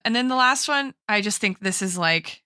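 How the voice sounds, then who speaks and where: A woman co-hosting a podcast speaks in a mid-range voice with lively intonation at normal speed, her tone pushed and bright. The casual intellectual discussion mixes academic terms with informal talk, frequently using "like" and "right?", and she is both podcast co-host and guest. The recording is clean, studio quality, with no echo.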